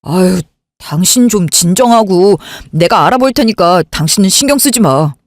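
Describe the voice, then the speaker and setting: This is a calm, evasive husband, voiced by a woman in a radio drama. He talks in a low, soothing, stalling way. The sound is close and dry, with no room around the voice. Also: moderate pace, no echo, lightly acted. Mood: placating. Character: calm, evasive man, elder sister's husband. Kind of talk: Korean radio drama acting.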